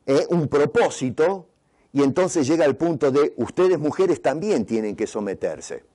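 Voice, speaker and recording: A man's voice: a little high, darkish tone. A man preaching a sermon as pastor, with emphatic rising and falling delivery, stumbling and restarting over some words.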